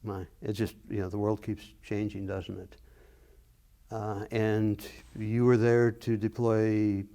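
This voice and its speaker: A man's voice: lowish voice, level tone, slow pace, warm tone. A man conducting a conversational interview, attentive, with short prompts and musings. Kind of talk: conversational oral history interview.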